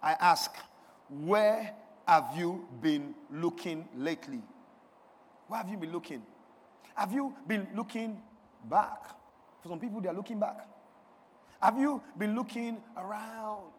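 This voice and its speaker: A man's voice: high-pitched, a little slow, long pauses, slightly rough. A man preaching a sermon to a congregation, leading call-and-response and swelling into emphatic declarations. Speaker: pastor. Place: church sanctuary. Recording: long reverb of a large hall.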